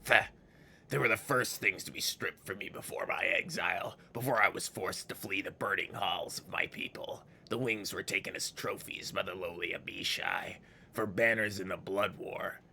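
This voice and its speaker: An old exiled fiend from a fantasy game, low and gravelly with a sharp, forceful edge. He is scornful and scheming, theatrical like a ghoulish villain, savoring each word and spitting out his disgust. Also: moderate pace, slight background noise, exaggerated voice. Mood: bitter. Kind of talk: dramatic video game character read-aloud.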